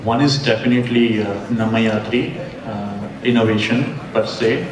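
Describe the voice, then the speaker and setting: A man with a Karnataka Indian accent answering quick questions at a live event in a hesitant, thoughtful way. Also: fairly low pitch, fairly even intonation, background noise. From coastal Karnataka and Bengaluru, India. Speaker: panelist. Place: event hall with an audience. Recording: roomy, distant mic, crowd behind.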